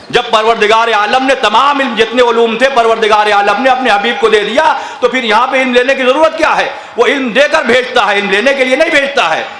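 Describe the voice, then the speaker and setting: A man from northern India preaches with a high, bright, ringing voice. His impassioned delivery calls out to the gathering. The sound echoes through a public-address setting, with faint ambience behind it. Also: a little hiss or hum. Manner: impassioned oratory, calling out to the gathering. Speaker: cleric. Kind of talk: religious sermon. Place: religious gathering at a public venue.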